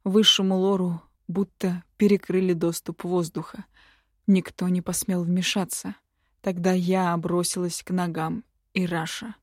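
A woman narrating a fantasy audiobook in the first person, slow and even. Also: on the low side, no echo, clean studio sound.

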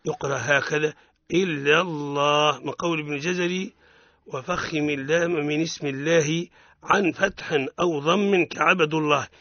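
A man with a Tunisian Arabic accent teaching the rules of Quran recitation on the radio, explaining each rule, quizzing his student and chanting verses slowly. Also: a little high, pushed and bright, dry recording, dull audio.

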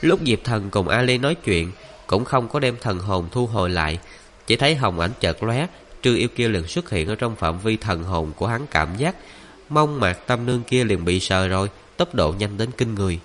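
Male audiobook narrator, lowish voice, steady even read, faint background noise. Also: moderate pace. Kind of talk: scripted novel narration.

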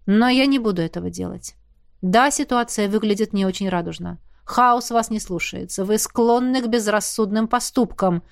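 Woman voicing a weary, calm male rector. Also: mid-range voice, moderate pace, gravelly, natural voice.

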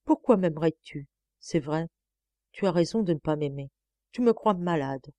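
Sickly young man in love , woman reader, soft and breathless, mellow tone, no room sound. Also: deep voice, animated, moderate pace, no room sound. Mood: bitter.

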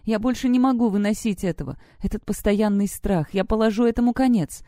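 A woman putting on a scared teenage girl, pushed higher than a plain reading voice. The tone is mellow and soft-edged, the sound close and dry with no room around it. She trembles and strains with fear. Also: brisk, no room sound, natural voice. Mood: frantic. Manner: trembling, then shrill and threatening. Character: frightened teenage schoolgirl, desperate.

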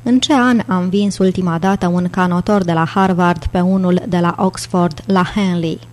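A theatrical older gentleman who loves a dramatic flourish, speaking in a somewhat low voice with a grand, playful air, as a woman reads him in an audiobook. his manner is jovial. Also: fairly even intonation, close to an everyday voice. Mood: teasing. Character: theatrical, jovial older British male aristocrat.

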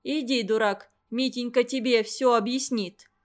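A woman's voice: on the high side, fairly even intonation, measured pace, natural voice. A woman voicing a huge, cruel old female tutor who scolds her pupils in a harsh, furious way. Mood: angry scolding.

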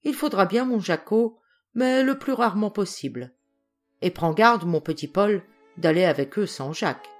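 A woman reading an audiobook who voices a calm, thoughtful father in a measured, grave tone. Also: mid-range voice, soft background music, natural voice.

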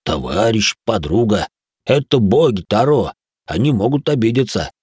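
A man puts on a nervous, superstitious raccoon spirit who hisses warnings in a fearful tone. The voice is raised above his usual low register and sounds dry and close. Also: sing-song, moderate pace, darkish tone, breathy edge, no echo. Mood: alarmed.

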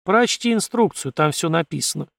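A man voicing a calm, firm male leader of a valley who speaks bluntly. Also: on the high side, a little fast, creaky, dry recording.

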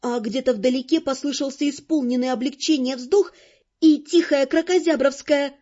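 High-voiced woman narrating an audiobook. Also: moderate pace. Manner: lively, expressive. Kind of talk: first-person audiobook narration. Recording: dull lo-fi with faint music.

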